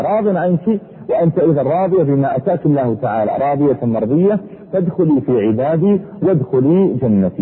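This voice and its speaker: A man preaching a sermon in a husky voice, fervent, his pitch sweeping up and down. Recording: echoey hall over a tinny phone-like line.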